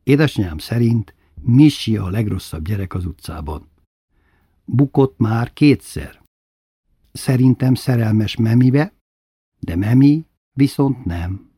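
A man with a husky voice reads a childhood memoir aloud in a quiet, intimate way. His pitch sits mid-range for a man. The recording is dry and close. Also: animated, long pauses, no echo. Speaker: narrator.

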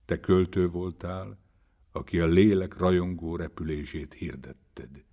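A man voicing a gentle male spiritual teacher who speaks softly and mildly in a dramatized story reading. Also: low-pitched, fairly even intonation, gravelly. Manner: soft, slow and mild.

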